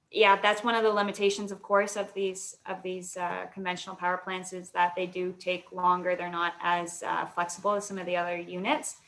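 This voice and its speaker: A woman's voice: medium pitch, fairly bright tone. A woman answering questions as an alumna guest in a webinar, explaining at length with frequent fillers over a video call.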